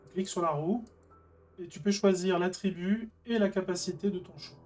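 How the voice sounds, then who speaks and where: A game master explaining rules and narrating a tabletop scene in a halting way, with many filler sounds. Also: medium pitch, darkish tone, faint music behind. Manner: hesitant, frequent filler sounds.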